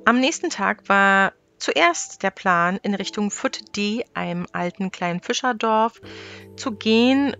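In a voice-over recorded separately from the scenes shown, a travel vlogger narrates her family trip in a scripted yet chatty way. Her mid-range voice is expressive, creaky and fairly bright, moving at a measured pace as she tells things plainly with small restarts, while faint music plays behind her.

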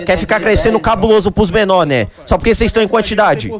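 Fast, high-voiced taunting man. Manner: aggressive, taunting, repetitive insults. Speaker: roleplay gang member. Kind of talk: heated in-character roleplay trash talk. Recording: game voice chat with crowd noise. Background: crowd of other players talking.

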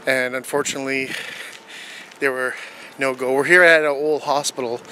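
Middle-aged man vlogging over clear background noise. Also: mid-range voice, fairly even intonation, normal speed, sharp tone. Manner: informal, joking. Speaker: host of urban exploration vlog. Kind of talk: casual night vlog chat. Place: dark abandoned building and outdoors at night. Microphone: handheld camera at arm's length. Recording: noisy handheld camera audio on location.

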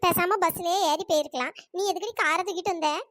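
A woman's voice: fairly even intonation, quick pace, fairly bright tone, no echo, clean studio sound. A woman voicing a bossy elder village woman in a cartoon, nagging. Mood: scolding. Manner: scolding, nagging, squeaky cartoon voice. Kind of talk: cartoon dialogue.

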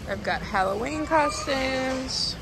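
A woman with a Southern US accent chats casually as a shopping vlogger, gushing informally about products and prices. Her high voice has lively intonation and she speaks slowly, with a noisy background.

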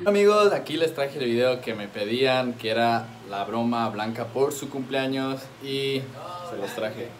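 A man's voice: mid-range voice, expressive, a little slow, crowd noise. A man in his twenties hosting a casual vlog with boisterous, teasing, slangy banter. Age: 20s. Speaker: vlog host. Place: bedroom, indoors. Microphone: handheld phone. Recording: echoey room, distant, music behind.

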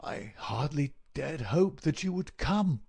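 A man voicing Sherlock Holmes, feeble yet crisp. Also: fairly high pitch, animated, slow, darkish tone, pitched above the performer's own voice, exaggerated voice. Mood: feeble, pleading. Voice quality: feeble, slightly raised. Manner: crisp, lucid, commanding. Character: Sherlock Holmes, ailing male detective, feeble but crisp and masterful. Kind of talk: audiobook character voice.

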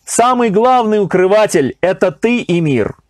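A man's voice: high voice, big pitch swings, moderate pace, no echo, studio quality, pitched above the performer's own voice. A man voicing a bold, defiant male trickster who speaks in a firm, ringing, declamatory voice.

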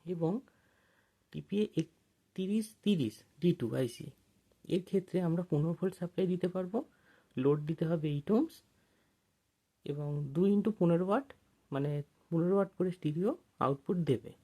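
This instructor narrates a casual technical tutorial, walking through each step with pauses. The voice is mellow and sits at a medium pitch.

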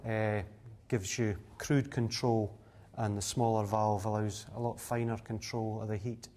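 A distillery owner in his thirties, his voice low, level and dark, gives a tour at a measured pace inside the still house and cask warehouse. He explains things plainly and matter-of-factly, dropping in a lot of "uh".

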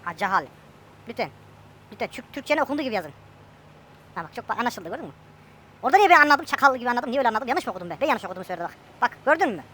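A woman's voice: fairly high pitch, big pitch swings, rapid-fire, a bit bright, slight background noise. A woman chatting casually and joking with a friend while playing a farming game. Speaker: gameplay streamer.

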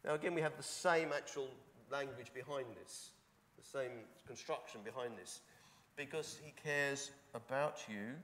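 A man's voice: medium pitch, normal speed, fairly bright tone. A man preaching a sermon into a fixed microphone, talking conversationally with rhetorical questions and repetition. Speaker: pastor. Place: church. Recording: reverberant church hall.

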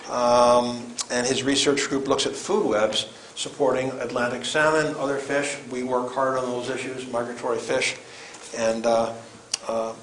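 An older man giving an informal introduction as event host, in a halting, rambling way. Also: mid-range voice, steady tone, fairly bright tone. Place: lecture room, standing away from camera. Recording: echoey room with background noise.

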